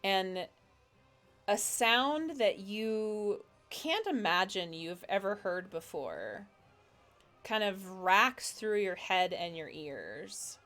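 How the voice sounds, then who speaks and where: A woman's voice: mid-range voice, animated, takes it slowly, a bit bright, soft background music. A woman narrating as game master in a tabletop game, describing scenes while searching for words.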